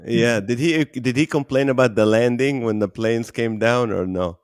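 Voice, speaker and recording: A man's voice: mid-range voice, normal speed, smooth, no room sound, clean studio sound. A man hosting a podcast, introducing his guest and chatting casually, eager and repeating points for emphasis. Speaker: podcast host. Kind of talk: casual interview chat.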